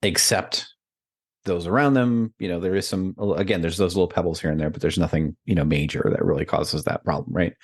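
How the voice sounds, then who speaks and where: A man's voice: deep voice, brisk, slightly rough, no room sound, clean studio sound. A middle-aged man co-hosting a podcast, chatting casually and telling a personal story with lots of fillers and laughs. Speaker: podcast co-host. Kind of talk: casual conversation.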